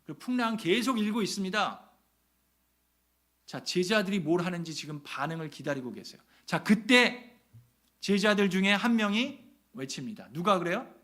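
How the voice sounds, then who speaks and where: A man with a high voice preaches a revival sermon in a church. He tells the story dramatically, firing rhetorical questions at the congregation. His volume swings from loud and urgent down to a near hush. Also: animated, normal speed. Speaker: pastor. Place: church sanctuary.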